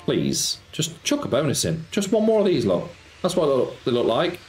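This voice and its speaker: A man's voice: a little high, huge pitch swings, moderate pace, a little mellow. A middle-aged man from Nottingham, live-streaming and chatting casually, reading viewer messages aloud and greeting them with cheeky banter. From Nottingham, England. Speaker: slots streamer. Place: home streaming room, indoors. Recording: echoey room, faint background music.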